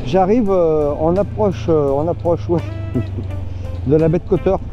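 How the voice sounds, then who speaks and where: A man's voice: a little high, slow pace, muffled recording, soft background music. A man giving live, chatty commentary to himself and his viewers while riding a motorcycle, full of fillers and asides. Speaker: motorcycle vlogger. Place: on a motorcycle outdoors on the road.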